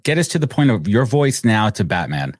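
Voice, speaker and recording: A man's voice: fairly low pitch, very animated, a little fast, dry recording, clean studio sound. A man hosting a podcast, asking eager, curious questions in a casual chat. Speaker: podcast host.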